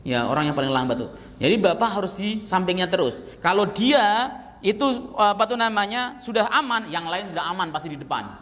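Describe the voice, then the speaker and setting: A man's voice: sits high, animated, fairly quick, a bit bright, big-room sound. A middle-aged man giving a conversational Islamic study lecture in a mosque, with teasing asides. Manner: conversational, teasing asides, chants verses in demonstration. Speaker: Islamic teacher.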